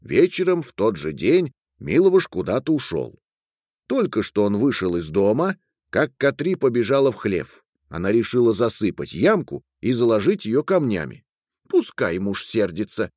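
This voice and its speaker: A man narrating a folk tale in an expressive way, reading all the characters' parts himself. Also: fairly low pitch, moderate pace, no echo, studio quality. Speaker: storyteller.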